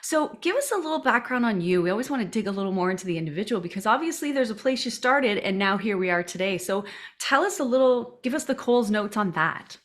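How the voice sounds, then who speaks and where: A woman's voice: medium pitch, expressive, fast. Enthusiastic woman hosting a podcast. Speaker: podcast host.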